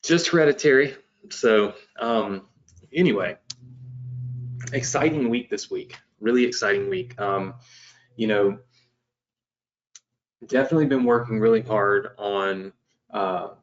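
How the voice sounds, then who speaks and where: Lo-fi audio carries the lowish voice of a man in his late thirties hosting a live business webinar from his home desk webcam. He speaks at a measured pace, pausing often, and his casual live-stream talk is loose, peppered with fillers and restarts.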